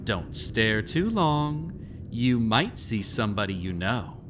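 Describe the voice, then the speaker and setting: Amid slight background noise, a man voices a mysterious, teasing host of a haunted glass-filled estate who is secretly sinister. He narrates to the listener in immersive roleplay, his mid-pitched voice very expressive, lingering through a long-winded story with slow dramatic pauses in a mysterious, inviting mood.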